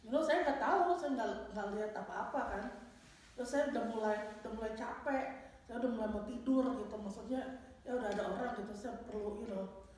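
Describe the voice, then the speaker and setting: At a church Bible study, a woman gives a personal testimony in a brisk, slightly high voice, telling her story with animation and switching into English phrases. She is picked up by a distant mic in a large room, so there is heavy echo and a faint hiss.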